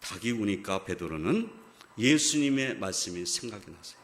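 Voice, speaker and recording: A man's voice: lowish voice, animated, moderate pace, fairly bright tone. A man preaching a Sunday sermon as pastor, explaining a scripture passage and pressing key points with emphatic stress. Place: church sanctuary.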